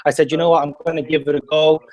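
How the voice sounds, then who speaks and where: Fast-talking young west of Ireland man. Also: fairly high pitch, level tone, lo-fi sound. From Galway, Ireland. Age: 20s. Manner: emphatic, repetitive, peppered with "you know" and "okay". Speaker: host of a network marketing launch call. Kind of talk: motivational sales pitch.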